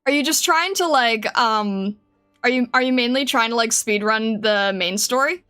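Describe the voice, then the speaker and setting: A woman livestreaming casually while she draws, thinking aloud in a hesitant, rambling way with a bright, high voice. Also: normal speed, soft background music. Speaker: livestreaming artist.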